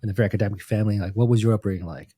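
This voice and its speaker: A man's voice: on the low side, fairly even intonation, very fast, mellow, husky. A man from Taiwan hosting a podcast interview, asking questions and giving short affirmations. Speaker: podcast host. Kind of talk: casual interview.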